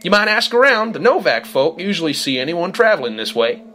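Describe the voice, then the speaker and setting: A high, drawling cowboy robot. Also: male voice, very animated, a little fast, bright, forceful tone, soft background music, heavily acted. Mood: folksy drawl. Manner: drawling country talk. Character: folksy cowboy robot, male, slow and evasive.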